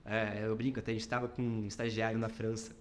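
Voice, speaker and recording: A fast-talking Brazilian man with a lowish, level-toned voice and a Minas Gerais accent is heard over a little hiss or hum. As a company founder on a podcast interview, he speaks thoughtfully, in short clauses full of fillers.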